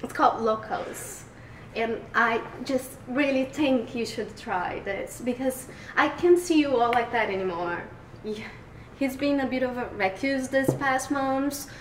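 A woman's voice: a little high, unhurried, a little hiss or hum, lightly acted. An actress playing an encouraging, insistent young woman urging her friend to go out. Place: indoor bar. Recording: roomy sound, distant mic.

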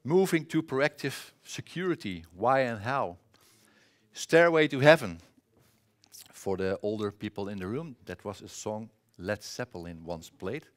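A man's voice: fairly low pitch, lively intonation, a little slow. Hesitant Dutch-accented man presenting. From Netherlands. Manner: casual, hesitant, frequent filler sounds and restarts. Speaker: conference presenter and trainer. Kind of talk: conference presentation. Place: conference room. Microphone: presentation mic.

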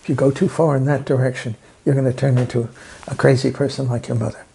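A man in a documentary interview, talking about literature with animated storytelling and emphatic repeated words. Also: mid-range voice, fast talker, gravelly, a little hiss or hum.

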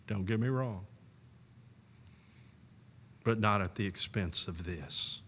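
A man in his sixties preaching a sermon from the pulpit of a church, earnest and full of rhetorical questions, often breaking into soft laughs. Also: on the low side, slow, slight background noise. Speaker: pastor. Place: church sanctuary. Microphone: pulpit microphone on a stand. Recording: long church hall reverb.

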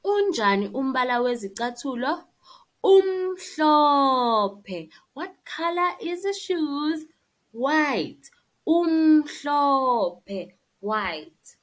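A woman's voice: high voice, big pitch swings, takes it slowly. A woman with a South African accent giving a simple, repetitive language lesson to young beginners, as if reading to a toddler. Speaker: isiZulu language teacher. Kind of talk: slideshow vocabulary lesson for young beginners, bilingual.

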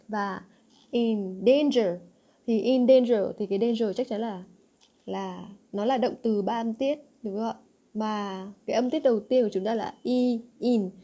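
A young woman teacher explains exam answers, stopping often to check that her students follow. Her voice sits somewhat high but has a warm, mellow tone. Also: breathy edge. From Vietnam. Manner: coaxing, asks frequent check questions to students. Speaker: English teacher.

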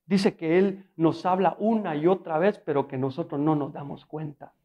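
A man's voice: fairly high pitch, fairly even intonation, moderate pace, dull audio. A male pastor preaching a sermon in a conversational, storytelling way, often asking his listeners rhetorical questions and adding humor.

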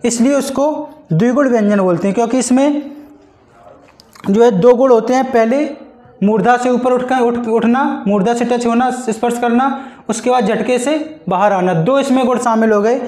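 Guy teaching a grammar class, pretty high voice, keeps repeating sounds slowly, echoey room. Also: a little mellow. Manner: patient, repeats and stretches out syllables to demonstrate pronunciation. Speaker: Hindi teacher. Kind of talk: blackboard-style grammar lesson.

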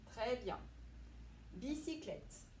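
A woman teaching a class lesson to young children, speaking slowly and clearly and praising pupils by name. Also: on the high side, expressive, darkish tone, a little hiss or hum. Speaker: primary school teacher.

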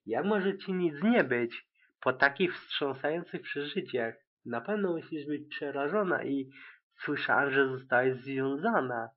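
A man's voice: mid-range voice, a little slow, lightly acted. A man voicing a fussy, dramatic young unicorn mare with a theatrical, fretful manner in an amateur audiobook reading. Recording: tinny, phone-like lo-fi sound.

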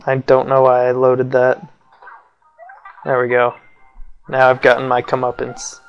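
On a muffled recording with faint game music behind, a young let's play commentator speaks a little slowly in a medium-pitched, completely flat voice that's gravelly yet clean in tone. His casual commentary is wry and self-mocking, full of muttered asides, and his voice feels off, possibly because he's getting sick.

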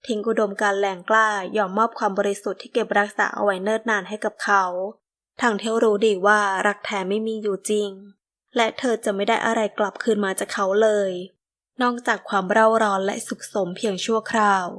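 A woman giving scripted, measured narration of a romance novel. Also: medium pitch. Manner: measured, steady storytelling. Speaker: audiobook narrator.

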